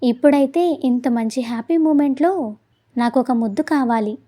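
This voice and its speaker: A woman reading an audio story and voicing an irritable young man who scolds in a gruff way. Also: a little high, moderate pace, mellow, lightly acted. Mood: teasing. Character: irritable young man, stern yet softening.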